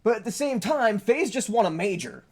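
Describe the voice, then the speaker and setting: Male podcast co-host on a glitchy call mic that cuts in and out, raised pitch, loose chatty delivery. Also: expressive, normal speed. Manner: easygoing, lots of fillers and restarts. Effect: mic cutting out, uneven volume. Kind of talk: casual esports chat.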